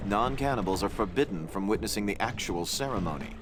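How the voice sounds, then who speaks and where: An actor playing a polite, officious cannibal islander in a comic adventure game, speaking deadpan like a tour guide. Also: male voice, fairly low pitch, fast talker, noisy background, natural voice. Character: civil, polite male cannibal islander villager with modern tastes.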